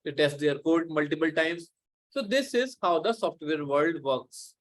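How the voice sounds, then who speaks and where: A man's voice: on the high side, unhurried. A male instructor giving a live online lecture, explaining in a loose, rambling way with many restarts.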